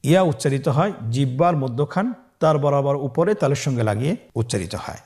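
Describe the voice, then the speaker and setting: A man teaching Quran letter pronunciation step by step, slowly drawing out each letter for the listener to repeat. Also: mid-range voice, lively intonation, a little mellow. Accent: Bangladeshi Bengali. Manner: slow, drawn-out model pronunciations for the listener to repeat.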